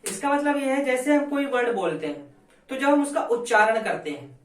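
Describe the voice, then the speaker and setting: A woman's voice: high voice, big pitch swings, normal speed, slight background noise. A woman teaching a grammar lesson, asking questions and answering them herself and repeating the key points. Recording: echoey room, voice from far off.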